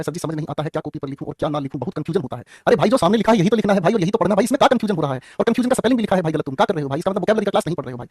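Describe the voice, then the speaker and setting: A man teaching grammar in a rapid-fire, teasing way. His voice sits high for a man and has a husky edge. The sound is close and dry. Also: a little mellow, no echo. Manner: rapid, teasing, joking with students in chat. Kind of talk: online class lecture.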